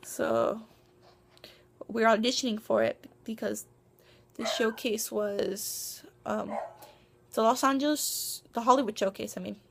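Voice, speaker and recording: A woman's voice: on the high side, vocal fry, a little hiss or hum. A young woman vlogging to camera in a casual, rambling way, with many ums, restarts and self-conscious asides. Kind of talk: casual vlog monologue. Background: dog barking.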